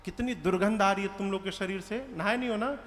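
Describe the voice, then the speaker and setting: A man voicing a mighty monkey god who orders demons to sit still in a hushed, commanding, teasing way. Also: sits high, a little fast, slight background noise. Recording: reverberant hall with faint music.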